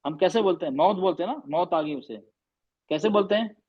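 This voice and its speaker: A man teaching pronunciation in an online class, repeating words over and over and gently coaxing students to say them correctly. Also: high-pitched, a little fast, husky, muffled recording.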